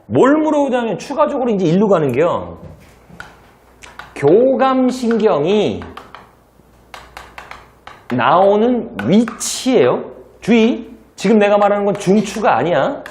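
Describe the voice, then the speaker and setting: A male teacher giving a lively classroom lecture, telling stories with sound effects and acted dialogue and throwing rhetorical asides to his students. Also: medium pitch, slight background noise. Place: lecture hall.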